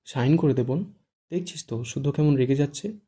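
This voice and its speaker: A man's voice: mid-range voice, fairly quick, dark tone, breathy edge, close to an everyday voice. A man voicing a protective young woman who scolds sharply. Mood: scolding.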